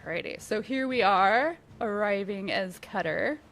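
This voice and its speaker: Slow, giggly woman hosting a stream. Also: mid-range voice, animated, a bit bright. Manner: giggly, easygoing, unhurried. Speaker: stream host. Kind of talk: live stream hosting while playing.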